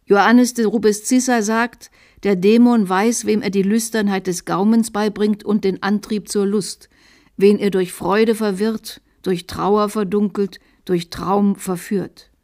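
A woman's voice: medium pitch, fairly even intonation, unhurried, a little mellow, natural voice. Woman voicing a stern zealous old-time priest. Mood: warning. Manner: grave, insistent, warning.

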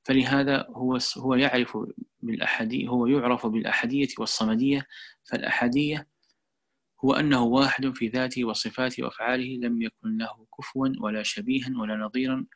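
Fast-talking male religious teacher. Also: mid-range voice, steady tone, a bit bright. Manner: measured, explanatory, repeats words for emphasis. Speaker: Quran teacher. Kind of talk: religious lecture and Q&A.

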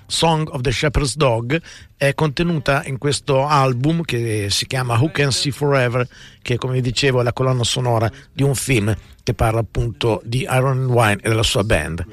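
Man, radio music host, casual presenting, hesitant, self-correcting, mid-pitched. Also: moderate pace. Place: radio studio.

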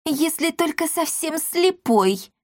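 A woman voicing a scornful matchmaker who mocks the bride's family and hurries off, in a high drawn-out voice. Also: lively intonation, dry recording, clean studio sound. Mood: mocking. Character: shrill matchmaker woman, mocking and quick to flee.

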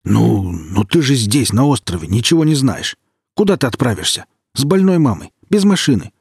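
A man voicing a smooth, persuasive helper, easygoing and talkative. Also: fairly low pitch, moderate pace, dry recording, clean studio sound. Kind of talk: audiobook character reading.

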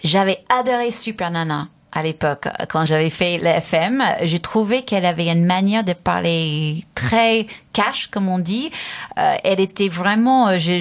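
A woman from the United States with an American accent, speaking non-native French as a guest in a radio interview, lively and chatty with frequent restarts. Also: on the low side. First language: English.

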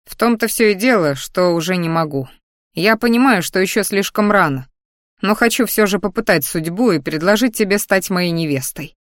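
A woman's voice: medium pitch, lively intonation, moderate pace, dry recording, clean studio sound, close to an everyday voice. A woman reading the part of a nervous, earnest young man who is courting the heroine in a storybook.

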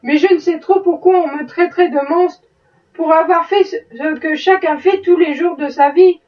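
A woman's voice: very high-pitched, moderate pace. A woman reading the part of an evasive, embarrassed male plantation owner, curt and defensive. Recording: muffled, distant mic.

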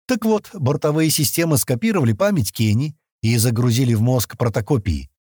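Narrator doing a cocky guy giving orders, bit raised and husky, bouncy delivery. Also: fairly high pitch, a little mellow, no room sound, clean studio sound, voice pushed up. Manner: briskly explaining, commanding. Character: confident grown man, smug, brisk leader.

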